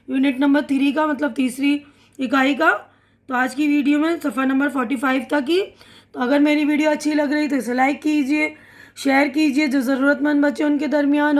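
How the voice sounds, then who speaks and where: Woman, high-pitched teacher voice, children's reading lesson, slow then fast drill reading. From India. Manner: reads words slowly, then fast, for repetition.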